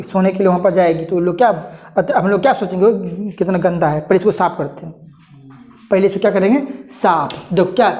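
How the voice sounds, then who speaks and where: A woman's voice: mid-range voice, a little mellow. A woman with a Bihari accent tutoring casually, who asks and answers her own questions and repeats the key words.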